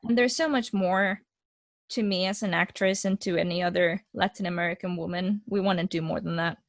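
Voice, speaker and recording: A woman's voice: on the low side, a little fast, no room sound. A young woman from Mexico, an actress talking candidly in an interview over a video call, often restarting her sentences. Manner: candid, animated, with many restarts. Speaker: actress and guest. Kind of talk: casual interview conversation.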